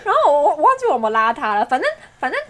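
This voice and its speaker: Lady telling a story all dramatic, high voice that jumps all over. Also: very animated, fast, a bit bright. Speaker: podcast co-host. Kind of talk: casual chat.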